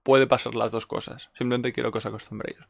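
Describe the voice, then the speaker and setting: A man teaching a bilingual language lesson, going slow and repeating each word, switching between Spanish and English. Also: mid-range voice, flat delivery, gravelly, no room sound, studio quality. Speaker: Japanese teacher.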